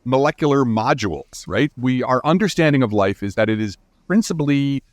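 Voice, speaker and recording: Guesting on a podcast, a man who's a scientist and author explains things emphatically and informally, restarting sentences and checking in with frequent "you know" and "right?". His mid-range voice has lively intonation, captured in studio quality with no room sound.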